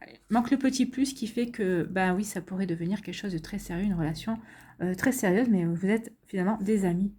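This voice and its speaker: A woman's voice: medium pitch, darkish tone. A woman giving a casual, chatty card reading to her viewers, full of fillers and restarts and a reassuring tone. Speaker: tarot card reader.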